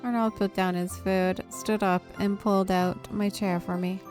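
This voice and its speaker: With soft game music underneath, a woman reads visual novel text aloud as a gaming video host, telling it like a story. Her voice sits mid-range, her delivery is flat, and her speed is normal.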